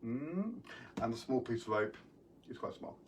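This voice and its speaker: A man's voice: medium pitch, sing-song, unhurried, recorded from a distance, slight background noise. A man hosting a live online magic show from home, chatting casually and greeting viewers by name. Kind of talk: casual live-stream chat.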